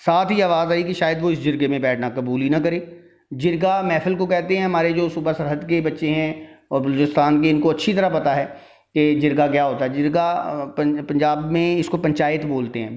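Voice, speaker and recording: Male teacher, slightly high-pitched, tired but patient, explains a text line by line. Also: a little mellow. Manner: explains each word and line step by step. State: tired from long talking. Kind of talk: lecture explaining a literary text.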